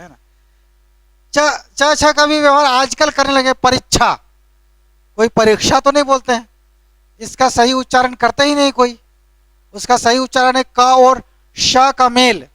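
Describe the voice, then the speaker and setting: A male teacher lectures a classroom in a very high, bright and forceful voice. His tone is smooth and resonant, and the sound is dry and close. He explains patiently but scolds lightly, and keeps checking in with a tag question after each point. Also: no room sound.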